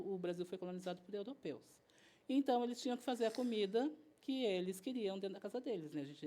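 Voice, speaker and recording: This woman's voice is lowish and mellow. She's a guest chef from southern Brazil, speaking Portuguese with that regional accent, and in a relaxed interview she tells chatty stories while performing bits of the conversations she recounts.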